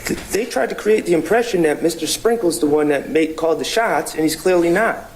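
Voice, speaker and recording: A man working as a defense attorney, questioning and arguing in a courtroom with halting, deliberate phrasing. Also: a little high, animated. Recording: noisy courtroom audio.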